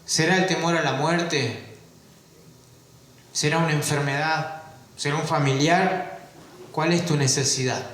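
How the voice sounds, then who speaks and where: High, bright-voiced preacher in an echoey church. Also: male voice, steady tone, a little slow, long pauses. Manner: asks the congregation rhetorical questions, stretches key words. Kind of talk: sermon.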